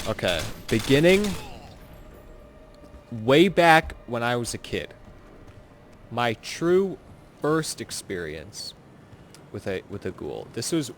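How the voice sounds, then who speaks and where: Rambling young man with a lowish voice. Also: a little hiss or hum. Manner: rambling, leans on filler words. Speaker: co-host telling scary stories. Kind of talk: casual chat while gaming.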